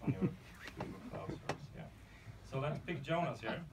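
A middle-aged man, a native Swedish speaker, casually explaining a live software demo at a tech meetup, thinking aloud as he goes. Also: a little high, moderate pace, heavy background noise. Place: dark conference room with a projection screen. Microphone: far camera in the audience. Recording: distant audience recording with loud music.

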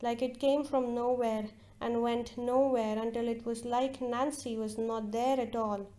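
A woman reading a literary short story aloud with slow, measured narration. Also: on the high side, fairly even intonation, mellow. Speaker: reader.

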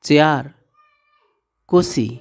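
A man's voice: on the high side, very slow. A man teaching a vocabulary lesson, saying each word and its translation and then repeating the pair. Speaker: language tutor.

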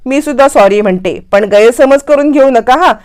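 A woman's voice: sits high, normal speed, darkish tone, smooth, natural voice. Haughty defiant woman, a lady narrator doing her, full of attitude, firm.

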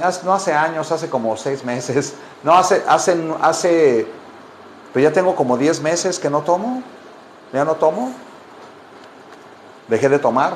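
A man whose first language is Spanish, giving a casual online English lesson and repeating phrases slowly for learners. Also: fairly high pitch, a little hiss or hum. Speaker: English teacher.

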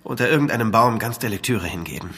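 An actor playing a young, polite, sceptical scholar in a German horror radio drama, courteous and expressive. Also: male voice, on the low side, fast talker, slightly rough, full character voice. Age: young adult. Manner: courteous, well-mannered, expressive.

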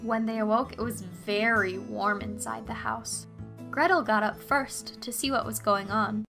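A woman narrating a children's fairy tale expressively, slowing down for emphasis. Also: medium pitch, steady tone, creaky, music in the background.

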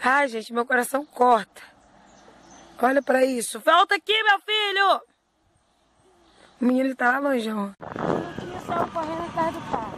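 A woman filming her son outdoors in the rain on her phone, coaxing and pleading with him and often calling out loudly. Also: high voice, animated, normal speed, pauses often. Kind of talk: home video, talking to her child and viewers. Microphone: handheld phone. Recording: noisy outdoor phone recording.

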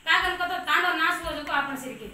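Earnest high-voiced woman, echoey and distant. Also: fairly quick, pushed and bright, slight background noise. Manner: earnest, questioning, exhorting. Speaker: community speaker. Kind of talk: impassioned monologue on custom.

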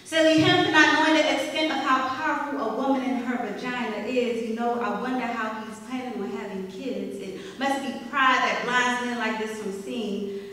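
A woman's voice: on the high side, fairly even intonation, normal speed, a bit bright. A young woman performing spoken word poetry at an open mic, with a rhythmic, emphatic, confrontational delivery that builds to punch lines. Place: small arts center stage, indoors. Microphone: stand mic, filmed from the audience. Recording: echoey hall, voice from far off.

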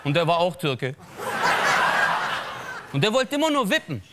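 A man's voice: sits high, moderate pace, very noisy. A man in his thirties delivering an ironic stand-up monologue in a satire show, talking straight to the audience. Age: 30s. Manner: animated, ironic, addresses the audience as "Leute". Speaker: comedian.

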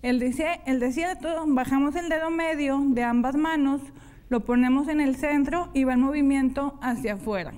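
A woman teaching sign language in a televised class, explaining each hand sign slowly, step by step. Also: high voice, darkish tone.

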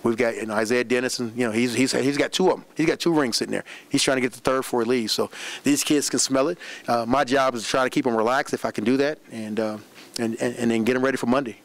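A middle-aged man, a head basketball coach, answering questions after a game at a press room desk microphone, animated and repeating words as he talks. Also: medium pitch. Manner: animated, repeats words, fast run-on talk. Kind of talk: post-game press conference. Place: press room in front of a backdrop. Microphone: desk microphone on a stand.

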